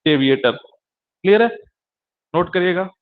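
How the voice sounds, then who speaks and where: A male lecturer giving a classroom lecture, repeating key terms slowly and asking and answering his own questions. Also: high voice, animated. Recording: dull lo-fi recording.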